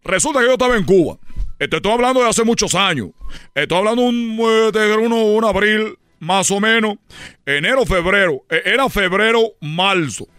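A man's voice: high-pitched, normal speed, bright, forceful tone, clear, resonant tone, no echo. A man hosting a comedy radio sketch, telling a rambling story and laughing at his own jokes. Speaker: comedy host.

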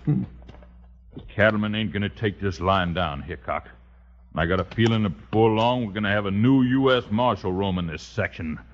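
An actor playing a surly, threatening cattle rancher in an old radio western. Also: male voice, lowish voice, normal speed, close to an everyday voice. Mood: menacing. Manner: threatening, sneering drawl. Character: Baldy Matson, surly hostile cattle rancher. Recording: muffled old radio recording.

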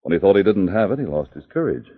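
Firm low-voiced radio Mountie sergeant. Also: male voice, sing-song. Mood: earnest, kindly. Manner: authoritative, earnest, deliberate. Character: firm, upright male Mountie police sergeant. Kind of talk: old-time radio drama acting. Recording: muffled, noisy vintage radio recording.

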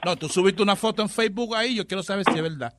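A man's voice: high voice, very fast, background noise, natural voice. A man playing a jealous caller in a prank call, insisting and swearing. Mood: angry, insistent. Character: jealous man demanding to speak to his girlfriend.

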